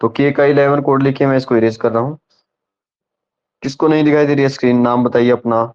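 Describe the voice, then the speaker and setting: A man's voice: mid-range voice, steady tone, a little fast, a little mellow, clear, resonant tone, dull audio. A man teaching a live online class, repeating points and asking the students if they follow. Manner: patient, repeats and checks understanding. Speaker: online tutor.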